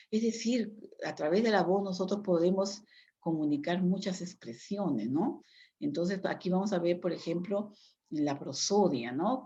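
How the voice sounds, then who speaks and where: A woman teaching a lecture, explaining at length and often checking in with her listeners. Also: lowish voice. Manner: explanatory, frequent tag questions. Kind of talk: online lecture. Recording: dull lo-fi sound.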